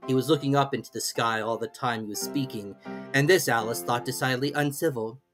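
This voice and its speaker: A woman's voice: very deep voice, fairly quick, music in the background. A woman narrating a storybook expressively as an audiobook reader.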